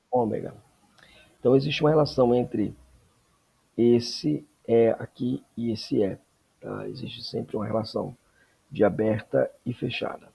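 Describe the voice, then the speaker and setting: A man teaching a Greek lesson, explaining slowly and checking in with frequent tag questions. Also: mid-range voice, creaky, warm tone, husky. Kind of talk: classroom lesson.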